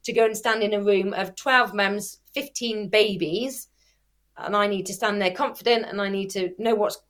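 Speaking at a normal speed, this woman has a medium-pitched, fairly bright voice with fairly even intonation. She is an athlete and youth sports coach who substitutes w for r because she can't say R well. In a relaxed interview, she explains her points with examples and self-corrections.

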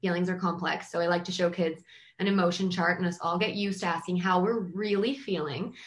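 A woman's voice: lowish voice, steady tone, brisk, slight background noise. A young adult woman, a child therapist, explaining things in a casual, chatty way with frequent filler words. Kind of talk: casual advice chat.

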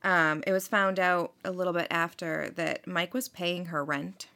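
A woman's voice: lowish voice, steady tone, moderate pace, vocal fry, bright, forceful tone. A woman hosting a podcast, telling a true-crime story in a casual, chatty way, with many fillers. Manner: chatty, filler-heavy, frequent "like" and "um". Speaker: podcast host.

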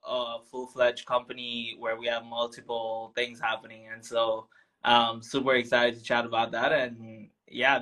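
A young Tanzanian man, a founder, is a guest in a casual interview, speaking reflectively with lots of ums and restarts. His voice sits in the mid range with a sharp tone, and the recording is rough.

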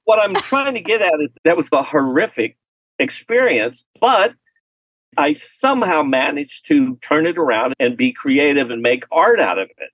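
Husky-voiced man telling a story. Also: no room sound, rough recording. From Texas. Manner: animated, laughing storyteller with lively pitch swings. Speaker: artist guest. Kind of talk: casual storytelling interview.

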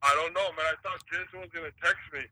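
Quick, sharp-toned man over speakerphone. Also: a little high, steady tone, low-quality recording. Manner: laid-back, loose slang. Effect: heard over a phone on speaker. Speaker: friend calling in. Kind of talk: casual phone chat. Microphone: phone speaker held near the recording mic.

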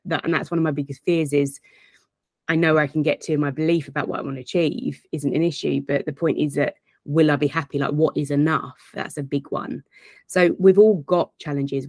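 A middle-aged woman coach with a low voice talks direct and emphatic in a casual interview. Her voice is recorded close and dry, with no room sound. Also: no echo. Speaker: guest, performance and corporate coach.

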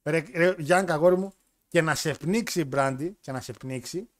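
A man with a slightly high voice hosts a loose, chatty show. He jokes crudely and slips into other people's voices to act out his stories. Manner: animated, crude joking, mimics voices. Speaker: podcast host. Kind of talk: casual chat with live chat.

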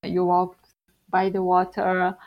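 With the highs cut off in the audio, a young woman from Bulgaria speaks in a fairly low, monotone voice with a Bulgarian accent. As a casual interview guest, she relates things slowly and often laughs.

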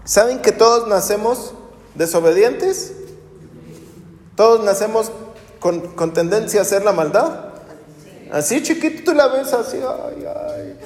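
A man's voice: high-pitched, expressive, measured pace, pauses often, echoey room, long reverb tail, a little hiss or hum. A man preaching a sermon as pastor, talking conversationally with rhetorical questions.

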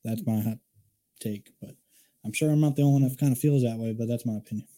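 Dark-voiced man ranting about football. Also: mid-range voice, fast talker. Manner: rambling, opinionated, frequent restarts. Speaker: podcast co-host. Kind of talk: casual sports chat.

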